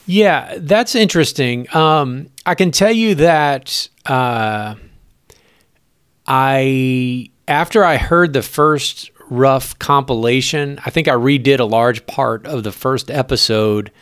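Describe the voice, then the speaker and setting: Eager halting radio man, dry sound. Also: mid-range voice, fairly bright tone, clear, resonant tone, no echo. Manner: eager, halting, lots of likes and ums. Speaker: radio broadcaster and voice actor guest. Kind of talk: casual interview chat.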